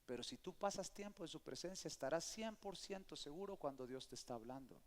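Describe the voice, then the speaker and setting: A man's voice: fairly high pitch, brisk. A middle-aged man, preaching a sermon and asking the congregation for amens. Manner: lively storyteller, calls for amens. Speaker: pastor. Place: church sanctuary. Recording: long church hall reverb.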